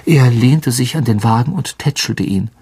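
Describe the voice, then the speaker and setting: Male audiobook narrator, very breathy husky voice, suspenseful hushed reading. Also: mid-range voice, normal speed. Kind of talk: scripted fantasy narration.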